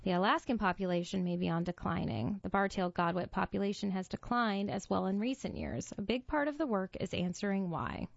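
A woman's voice: medium pitch, a little fast, gravelly, few pauses, dry recording. Woman narrating nature documentary style, dull dry recording. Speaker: volunteer-style magazine reader for a radio reading service.

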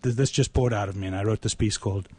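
A man with a fairly low, somewhat mellow, husky voice speaks at a quick pace. He is a poet and co-host who mixes casual chat with recited poetry, reflective and theatrical in manner and florid in wording.

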